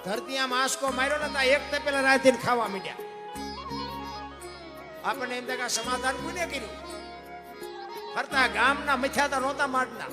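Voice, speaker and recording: A man's voice: very high-pitched, moderate pace, long pauses. A man telling a live dayro story on stage, folksy and preachy, calling his listeners bapu. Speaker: folk storyteller. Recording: reverberant hall with music behind.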